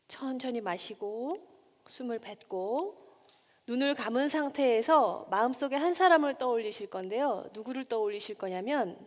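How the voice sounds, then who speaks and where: A woman in her forties giving a public talk to a live audience, engaging them with questions. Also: a little high. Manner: warm, engaging, asks the audience questions and acts out scolding lines. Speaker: speaker giving a stage talk. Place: lecture hall stage. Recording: long reverb of a hall.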